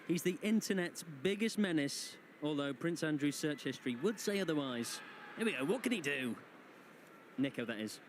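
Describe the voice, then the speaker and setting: Man, fairly high voice, comedic football commentator, punning quips, clearly noisy outdoor backdrop. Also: lively intonation, moderate pace. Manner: joking, quipping with puns. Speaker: match commentator. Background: clear outdoor ambient noise.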